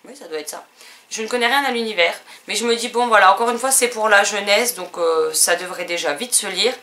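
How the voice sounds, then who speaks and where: Casual French woman vlogger showing her purchases, chatty with lots of fillers, bright tone. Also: mid-range voice, brisk. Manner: chatty, hesitant with many fillers. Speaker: book and stationery vlogger. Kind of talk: casual haul video chat.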